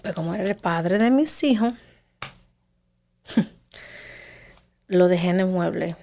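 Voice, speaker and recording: A woman, telling her own life story in an interview and sometimes sinking to a hush. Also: on the low side, slow pace, gravelly, slight background noise. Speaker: interview guest. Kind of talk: emotional personal testimony.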